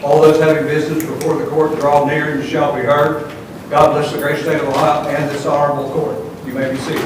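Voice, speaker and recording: A man's voice: on the high side, flat delivery. Man announcing over a courtroom intercom. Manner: formal, measured proclamation. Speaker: court bailiff. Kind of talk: formal court opening call. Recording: very echoey courtroom, distant mic, noisy.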